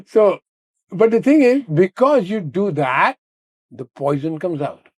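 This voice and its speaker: A man's voice: high-pitched, big pitch swings, a little slow, no room sound. Emphatic man explaining, dry close mic. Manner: earnest, emphatic, speaks in rhetorical questions. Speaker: podcast host. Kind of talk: casual conversation, explaining ideas.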